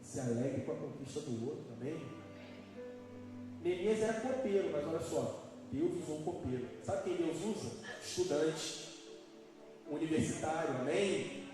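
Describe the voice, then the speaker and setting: A man's voice: fairly high pitch, expressive, a little slow. A man preaching a live sermon as pastor, emphatic and questioning his congregation. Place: church hall. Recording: echoey hall from far off, music behind.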